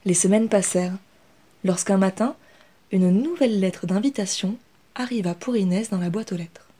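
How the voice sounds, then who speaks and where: Mellow-voiced woman reading a storybook aloud. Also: medium pitch, normal speed, slightly rough. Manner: expressive, voices the characters. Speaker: author reading her own book.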